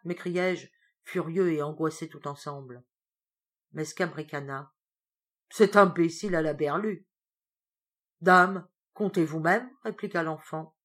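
A woman reading a first-person sea tale aloud in a dramatic, theatrical way. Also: husky. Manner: expressive, theatrical, with sudden rises in pitch and loudness for suspense. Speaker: storyteller.

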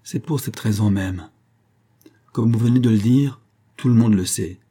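A man's voice: on the low side, unhurried, warm tone, breathy edge. A man voicing a cold, proud, wealthy man who speaks in a dry, clipped way. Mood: cold, curt.

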